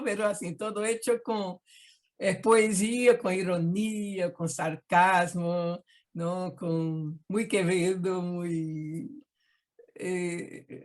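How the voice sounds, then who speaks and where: This guest artist is an older Brazilian woman who, over a video call, carries on a casual, expressive interview chat in Spanish colored by a Portuguese accent, peppering it with tag questions. Her voice is lowish and darkish in tone.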